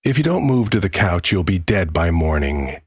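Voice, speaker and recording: A man voicing a menacing, witch-like, inhuman sleep-talking woman in a horror story, with gravelly, slow, taunting threats. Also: sits low, sing-song, no echo, clean studio sound, heavily acted. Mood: threatening.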